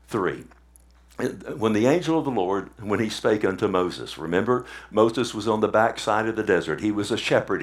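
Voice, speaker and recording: A Texan man with a fairly low voice preaches an animated sermon. He keeps asking the congregation "Amen?" and retells scripture in his own words.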